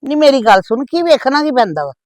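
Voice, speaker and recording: In a scripted family skit, a middle-aged woman plays a scheming mother on the phone, nagging and scolding her married daughter. Her voice is high-pitched and sing-song, delivered at a quick pace through a distant mic with no room sound.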